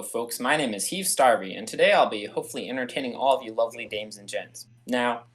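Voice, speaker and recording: A man's voice: medium pitch, natural voice. A man playing a genial local comedian doing folksy showman patter in an old-time radio comedy routine. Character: chatty, genial 1940s local stage comedian.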